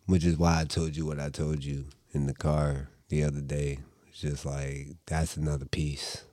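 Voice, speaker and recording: A man's voice: a bass voice, little pitch movement, moderate pace, dark tone, no room sound. A man co-hosting a casual podcast, telling family stories and ranting playfully with frequent swearing. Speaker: podcast co-host. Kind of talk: casual chat.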